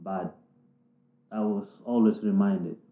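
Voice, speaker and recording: A man from South Sudan, speaking in a thoughtful, halting way with restarts as he interviews people in a reflective conversation. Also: fairly low pitch, steady tone. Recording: echoey room, tinny phone-like sound.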